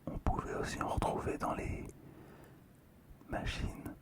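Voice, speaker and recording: The clip features an ASMR host whose slow, soft whispering accompanies the presentation of collectibles. Every remark comes out hushed.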